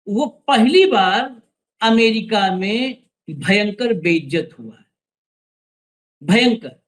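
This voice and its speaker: A man's voice: very high voice, a bit bright, rough recording. A man hosting an opinionated news commentary show, speaking in a sarcastic, emphatic way and directing the crew to roll clips.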